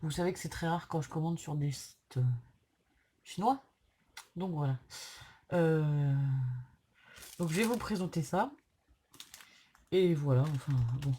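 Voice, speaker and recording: Casting: female craft vlogger, low voice, sick with tonsillitis and sore-throated, apologetic casual delivery, faint background noise. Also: unhurried, pauses often, warm tone. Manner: hesitant, apologetic, chatty. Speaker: craft channel host. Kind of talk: casual unboxing vlog.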